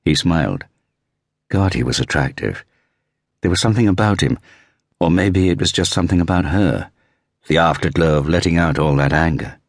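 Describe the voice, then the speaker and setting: A man reading a thriller audiobook in measured, vivid scripted narration. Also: sits low, no room sound, clean studio sound.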